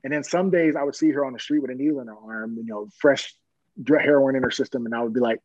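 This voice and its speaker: A middle-aged police officer telling personal stories in an interview, earnest and plain-spoken, often chuckling. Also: male voice, medium pitch, fast talker, a little mellow, no echo, muffled recording.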